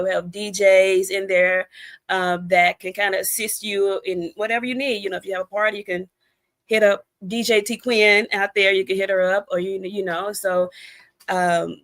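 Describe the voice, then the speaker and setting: With a medium-pitched, fairly bright voice, an American author and cigar expert talks casually as an interview guest. Her explanations come across as relaxed and conversational.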